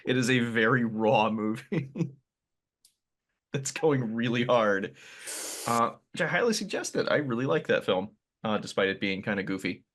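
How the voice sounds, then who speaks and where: A man's voice: mid-range voice, lively intonation, normal speed, a bit bright. A man hosting a podcast, chatting casually and rambling a little, with self-deprecating asides. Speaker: podcast host. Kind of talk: casual conversational interview.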